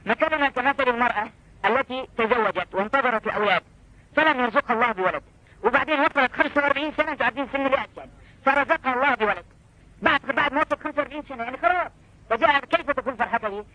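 Male preacher, very fast and bright-voiced, exhorting the crowd on a lo-fi old tape. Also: very high voice, no room sound. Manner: exhorting, with rhetorical questions to the audience. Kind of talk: fervent preaching lecture.

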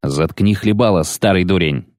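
A man reading aloud, voicing a rough, commanding male gang leader who speaks in gruff, clipped orders. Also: sits low, moderate pace, a little mellow, no echo, clean studio sound, close to an everyday voice.

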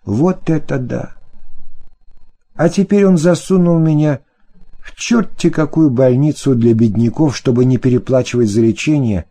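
A man reading a first-person novel aloud with expressive, dramatic narration. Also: mid-range voice, moderate pace. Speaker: audiobook narrator.

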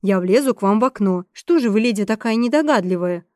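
A woman's voice: mid-range voice, animated, fairly quick, mellow, no room sound, natural voice. Woman doing a smug flirty rogue guy, teasing, dry close recording.

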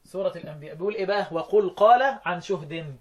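A high-pitched man with an Egyptian accent teaching Quran recitation readings. He explains the verses one by one and keeps quizzing his student. He slows right down whenever he recites a verse. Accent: Egyptian Arabic.

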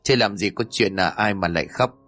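Brief: dismissive older brother type, voiced by a man, low and husky, casual. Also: a little fast, fairly bright tone. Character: dismissive older brother figure, a ritual master.

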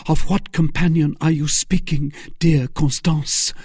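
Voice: mid-range voice, steady tone, a little slow, a little mellow, slightly rough, no echo, clean studio sound, pitched above the performer's own voice. A narrator voicing an ardent young man, a devoted lover, urgent and exclaiming, in a classic story. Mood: urgent questioning.

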